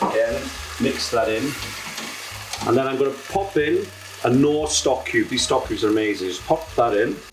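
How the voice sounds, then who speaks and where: A British home cook with a camp, cheeky manner casually presents a demonstration on his own recipe show in an indoor kitchen. His voice is medium-pitched, and the recording is reverberant with background noise.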